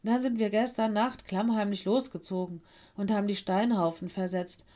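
A woman's voice: medium pitch, steady tone, normal speed, dark tone, close to an everyday voice. A woman reading an audiobook, voicing a scared young male ice wolf who stammers and pleads through sobs. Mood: tearful pleading. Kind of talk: audiobook character voice.

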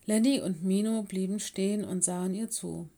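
A woman narrating a children's story in calm, clear storytelling. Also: mid-range voice, moderate pace. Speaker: audiobook reader.

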